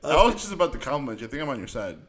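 A man's voice: mid-range voice, very animated, racing. A man co-hosting a podcast, joking and laid-back in casual chat, with casual swearing. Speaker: podcast co-host.

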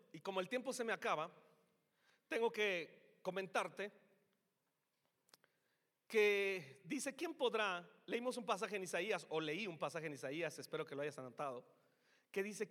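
A man with a Mexican accent preaching a sermon, emphatic, moving from soft asides to shouted peaks. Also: high-pitched, lively intonation, normal speed, long pauses. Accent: Mexican Spanish. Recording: echoey hall reverb.

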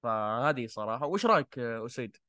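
A man's voice: mid-range voice, expressive, very fast, sharp tone, a little hiss or hum. A man with a Gulf Arabic accent hosting a casual film discussion, often searching for words with repeated filler phrases.

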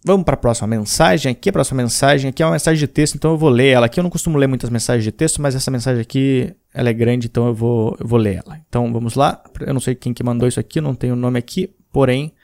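Talking very fast with vocal fry and few pauses, this Brazilian podcast host in his thirties has a medium-pitched, darkish voice. He reads listener messages in an informal, rambling chat full of slang and restarts.

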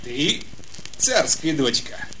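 An actor playing a cocky, naive young peasant lad in a fairy-tale audio drama, blunt and folksy. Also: male voice, a little high, very animated, slow, heavy background noise. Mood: blunt, curious.

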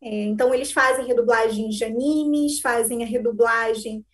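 Breathy woman interviewer. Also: fairly high pitch, steady tone, moderate pace. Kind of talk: interview questions.

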